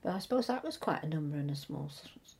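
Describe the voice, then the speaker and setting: An older Englishwoman, interviewed about local history, reminisces in casual conversation, hesitating and rambling as she circles back to rephrase. Her voice is low, animated and fast, with vocal fry and a darkish, slightly rough tone.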